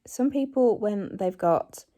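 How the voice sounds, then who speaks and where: A woman in her forties, hoarse from a cold, rambles casually in a home vlog filmed on her phone in her living room. Her medium-pitched voice is slow, mellow and expressive, and she is self-deprecating, with plenty of ums and likes.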